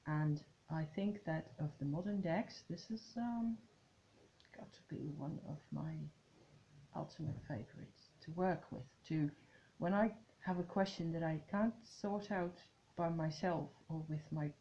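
Low gravelly woman chatting to camera. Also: a little slow, mellow, dull audio, slight background noise. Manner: chatty, musing, trailing off in restarts. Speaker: tarot vlogger. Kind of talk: casual chat to camera.

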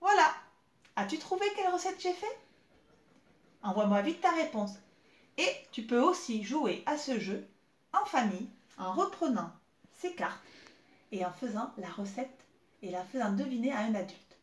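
A woman in her thirties teaching young children remotely, spelling out syllables slowly and clearly as she claps. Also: on the high side, expressive. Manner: slow, clear, exaggerated syllable clapping. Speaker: preschool teacher. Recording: echoey room with faint noise.

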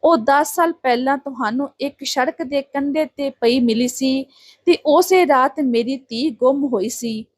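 A woman's voice: high voice, measured pace, no echo. A woman voicing a distressed Sikh village father who begs and pleads through tears. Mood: pleading. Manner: begging, tearful appeals.

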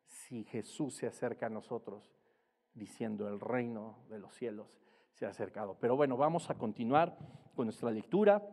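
A man preaching a sermon, explaining Bible words slowly and rising in pitch and volume to stress his points. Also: a little mellow. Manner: explains Greek words slowly, spelling them out. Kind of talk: sermon teaching. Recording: long reverb hall.

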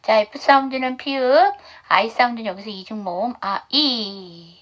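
A woman teaching English pronunciation in an online class, explaining step by step and asking the class quick questions that she answers herself. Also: a little high, a bit bright. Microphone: video call.

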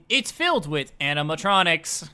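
A giggly co-host quickly chatting over a game and sometimes doing voices for characters. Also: medium pitch, very animated, pushed and bright, smooth. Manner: giggly, quick, reads lines aloud in put-on voices. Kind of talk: casual gameplay chat.

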